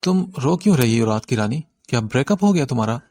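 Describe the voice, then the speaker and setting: A man narrating an audiobook voices a young male street thug who wheedles and then whispers nervously to his friend in fright. His medium-pitched voice is expressive and a little mellow, and the recording is dry.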